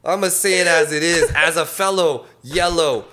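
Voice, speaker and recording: Man, early thirties, brash, swears a lot, animated, casual podcast chat. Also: on the high side, moderate pace, background noise. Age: 30s. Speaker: podcast guest.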